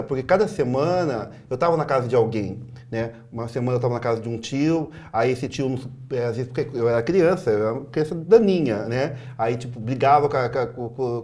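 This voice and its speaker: A man from Sorocaba, a guest recounting his life in a halting interview, with many fillers and soft trailing endings. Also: mid-range voice. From Sorocaba, Brazil. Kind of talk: personal testimony in an interview.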